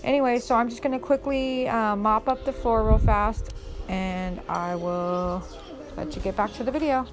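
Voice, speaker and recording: A woman's voice: fairly high pitch, moderate pace, over music. A woman in her forties chatting casually as she narrates her home cleaning, explaining and apologizing as she goes. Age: 40s. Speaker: cleaning vlogger. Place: home kitchen and living room.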